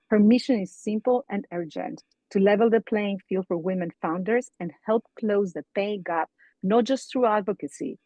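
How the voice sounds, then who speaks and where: Woman guest host from greece, warm dark tone, reads her intro formally, dry sound. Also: medium pitch, dry recording, low-quality recording. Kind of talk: podcast interview.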